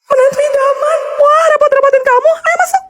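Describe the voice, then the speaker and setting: A woman voicing an excitable, doting middle-aged mother who speaks in a dramatic, gushing way. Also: very high-pitched, fast talker.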